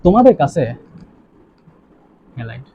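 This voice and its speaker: A man's voice: a little high, sing-song, moderate pace, mellow, slightly rough. A young man teaching a chemistry lesson, quizzing students and repeating his questions. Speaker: chemistry tutor. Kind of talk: online lesson. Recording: dull lo-fi recording with faint ambience.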